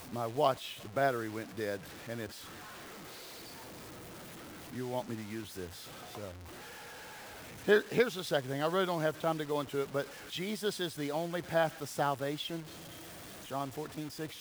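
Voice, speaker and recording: A man's slightly high voice comes through a rough recording with slight background noise. Preaching as a pastor in a church sanctuary during a service, he urges his congregation with repeated key phrases and calls for amens. He alternates between quiet talk and loud emphatic cries.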